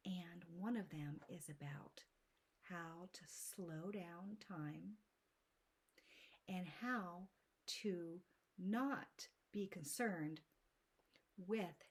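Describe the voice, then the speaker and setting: A woman teaching an art lesson in a slow, soothing manner, drawing out her words and often dropping into soft breathy whispers. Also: lowish voice. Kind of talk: slow, calm lesson talk to children.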